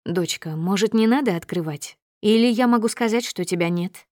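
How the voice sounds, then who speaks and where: A soft-spoken caring mother, as a woman reads her. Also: mid-range voice, normal speed, no room sound, studio quality, natural voice. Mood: gentle, consoling. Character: caring middle-aged mother, gentle and soothing.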